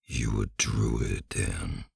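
A massive troll musician, his voice dropped to a cavernous depth and ground into a gravelly, rasping rumble. He drags out each clumsy, broken-grammar phrase at a crawl, in a dry, close storybook reading. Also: full character voice. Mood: suspicious. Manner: slow, laboured speech in broken grammar. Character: huge slow-witted male troll musician.

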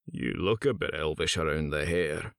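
A small, sniggering dwarf musician, as a male narrator puts him on, lifted only slightly from a deep, low voice. He fires off blunt, clipped questions in a dry, close storybook reading. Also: moderate pace, vocal fry, no echo.

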